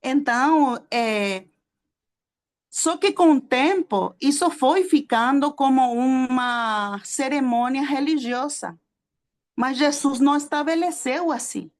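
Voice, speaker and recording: A high-pitched woman, a native Spanish speaker with a Spanish accent, works as a preacher and theology teacher. She teaches a sermon to a small group, frequently halting with fillers and checking that her listeners are following.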